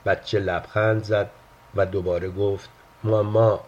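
A man reading a literary story aloud in a calm, measured, quiet way. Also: lowish voice, slight background noise. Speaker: narrator. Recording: dull lo-fi recording.

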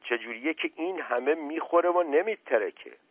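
A man's voice: a little high, breathy edge, no echo, voice pushed up. A man voicing a blunt, ruthless young villager. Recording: tinny phone-like dry recording.

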